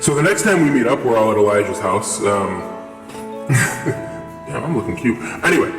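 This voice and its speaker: A man's voice: mid-range voice, animated, moderate pace. A young man rambling through a casual story with lots of fillers, his voice run through a voice changer. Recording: echoey with long reverb, music behind.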